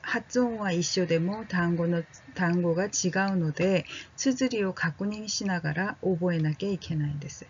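A woman teaching a friendly language lesson, slowly drilling vowels aloud and checking on her learners in a casual way. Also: fairly low pitch, a little mellow, muffled recording, slight background noise. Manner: casual and friendly, with fillers like "ano". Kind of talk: slow, gentle language lesson.

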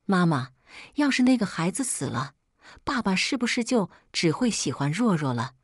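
A woman's voice: fairly low pitch, very animated, normal speed, dry recording, clean studio sound. A woman voicing a spoiled, scheming six-year-old girl in a childlike, pleading way.

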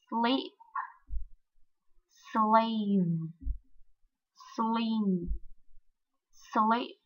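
Woman teacher, Vietnamese native, slightly high voice, unhurried drill-style delivery, dull lo-fi recording. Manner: says each word slowly and clearly, then explains in Vietnamese. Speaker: English pronunciation teacher. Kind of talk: slow, deliberate pronunciation lesson.

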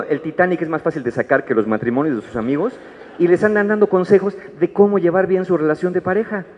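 A man's voice: a little high, darkish tone. A man with a Mexican accent giving a humorous talk about his book to a live audience at a book fair, acting out little dialogues in changing voices. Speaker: author presenting his book. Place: large hall at a book fair. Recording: dull echoey hall recording.

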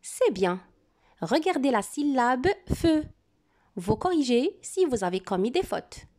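A woman teacher giving a French dictation to young pupils, repeating each word and syllable slowly and giving calm step-by-step instructions. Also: high-pitched. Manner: slow, deliberate dictation with words repeated clearly. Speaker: primary school teacher. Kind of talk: classroom dictation lesson.

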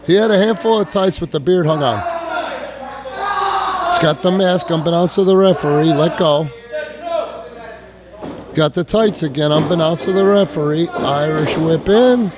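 High-pitched man calling pro wrestling over loud noise. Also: moderate pace, pauses often. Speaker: wrestling commentator. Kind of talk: live pro wrestling commentary. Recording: noisy live event hall ambience.

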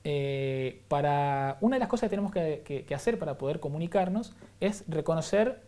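This interview guest, a man with a Rioplatense Spanish accent, explains science in a teaching style, leaning on examples and checking in with a rhetorical "¿no?". His voice is slightly high, mellow and expressive, delivered at normal speed.

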